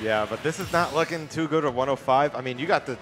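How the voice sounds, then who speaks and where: A relaxed male co-commentator adds casual analysis during a live match. His voice sits at an ordinary middle pitch, and music plays clearly underneath. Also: fast. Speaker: esports co-commentator.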